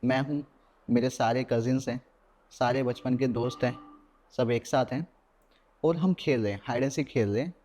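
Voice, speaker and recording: A young adult man, a podcast guest, telling a personal horror story in a lively way and mixing English words into his Hindi. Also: medium pitch, moderate pace, pauses often.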